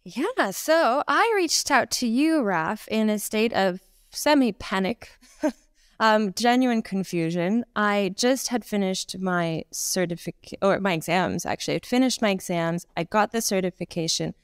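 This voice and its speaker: This Canadian-accented woman in her thirties, a Pilates instructor, is a guest in a relaxed interview over video call, indoors in a room at home. She's chatty, waves her hands a lot and fills her speech with fillers, speaking a little slowly in a clear, resonant mid-range voice; the sound is clean and studio-like with no echo.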